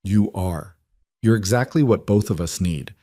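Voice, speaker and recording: A man's voice: on the low side, measured pace, warm tone, no echo, studio quality. Man doing a tired, kind single dad. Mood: reassuring.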